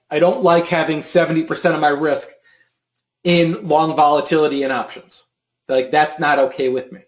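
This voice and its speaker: A man's voice: fairly high pitch, roomy sound. A man hosting a live trading stream, answering a viewer's question in a loose, rambling way, often repeating words and restarting sentences. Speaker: options trading show host.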